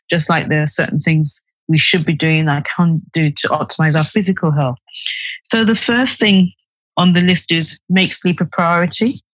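A woman's voice: fairly low pitch, no room sound, low-quality recording. A woman psychiatrist from the UK, a podcast guest giving advice, explaining in a chatty way with many fillers and restarts. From United Kingdom. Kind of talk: podcast interview.

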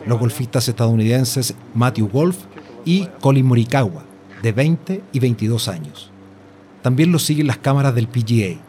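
A man's voice: medium pitch, animated, moderate pace, dark tone, a little hiss or hum. A man reading a scripted journalistic story as narrator. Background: music.

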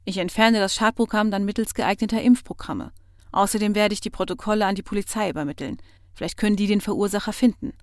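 A woman voicing a calm professional doctor who speaks formally and matter-of-factly, in an audiobook. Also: mid-range voice, quick pace, dry recording, clean studio sound, close to an everyday voice.

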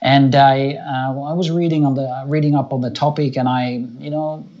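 A man's voice: medium pitch, fairly even intonation, moderate pace, warm tone. A man from Finland, a game designer chatting as an interview guest, rambling with many restarts and fillers. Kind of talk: casual interview chat. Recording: slightly muffled lo-fi audio.

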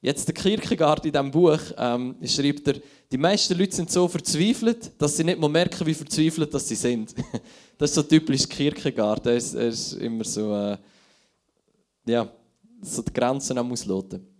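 A man's voice: on the high side, moderate pace, darkish tone. A man in his thirties with a Swiss German accent, giving a conversational sermon and thinking aloud, with frequent restarts. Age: 30s. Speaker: pastor. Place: church hall.

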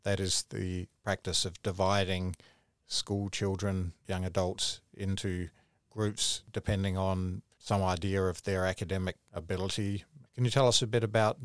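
Low-voiced man hosting a podcast. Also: flat delivery, normal speed, dry recording, studio quality. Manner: friendly, leads with questions and summaries. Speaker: podcast host. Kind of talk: podcast interview.

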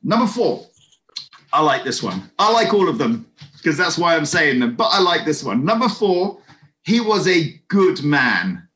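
A man giving a lively, conversational sermon over an online video call, with friendly asides to his listeners. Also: fairly high pitch, unhurried. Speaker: preacher.

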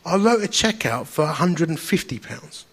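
A man's voice: a little high, big pitch swings, moderate pace, slightly rough. A man with an Essex accent preaching through personal anecdote in a chatty, wry, self-deprecating storytelling manner. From Essex, England. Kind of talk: anecdotal sermon to an audience.

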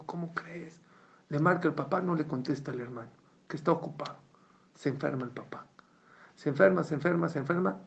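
A man giving a sermon, telling a story with lively quoted voices. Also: mid-range voice. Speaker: rabbi or religious speaker. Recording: dull lo-fi recording.

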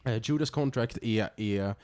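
Opinionated Swedish podcast co-host. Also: male voice, medium pitch, a little mellow. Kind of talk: casual chat.

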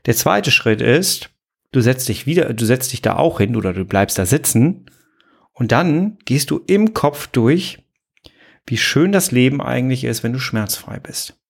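A man's voice: medium pitch, lively intonation, unhurried, creaky, slightly rough. A man hosting a motivational podcast, talking earnestly and coaching the listener directly. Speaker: podcast host.

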